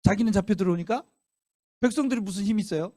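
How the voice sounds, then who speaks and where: Brief: a missionary preacher in a church, animated storyteller firing questions at the congregation. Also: male voice, high-pitched, very fast, no room sound, clean studio sound. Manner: lively storytelling, rhetorical questions. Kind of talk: revival sermon. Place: church sanctuary.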